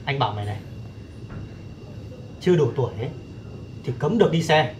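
A man's voice: medium pitch, expressive, a little fast, a little hiss or hum, natural voice. An actor playing a stern young husband who scolds his younger brother in a TV drama. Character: stern elder son and husband, young adult man.

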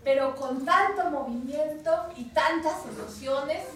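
A woman with a Mexican Spanish accent telling a story live to children, expressive and often asking them questions, in a community cultural center. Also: sits high, measured pace, a little hiss or hum. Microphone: distant microphone. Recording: echoey room, distant mic.

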